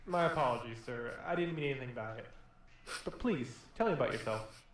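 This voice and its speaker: Man playing a quick, inquisitive young investigator. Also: mid-range voice, heavy reverb, natural voice. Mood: earnest, inquisitive. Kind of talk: adventure game dialogue.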